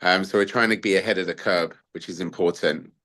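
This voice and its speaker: A man's voice: low voice, steady tone, a little fast, bright, forceful tone. A man, a gold investment adviser, explaining his approach in a talkative, casual interview style with many fillers and asides.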